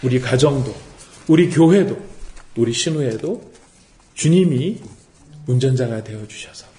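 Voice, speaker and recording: A man's voice: medium pitch, expressive, measured pace, dark tone, echoey room. A man preaching a sermon as pastor, asking rhetorical questions and acting out quotes. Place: worship service room.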